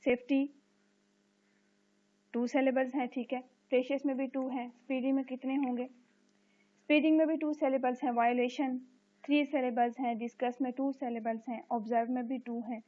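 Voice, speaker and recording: A female teacher gives a recorded lecture, reading English sentences slowly and explaining them in Urdu with a frequent "okay". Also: high voice, little pitch movement, mellow. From Pakistan. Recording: tinny phone-like audio.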